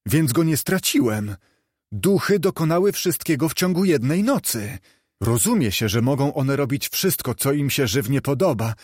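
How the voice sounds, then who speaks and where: A man voicing an elderly former miser, giddy with joy and exclaiming excitedly, in an audiobook. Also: medium pitch, moderate pace, dry recording, studio quality, lightly acted. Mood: eager.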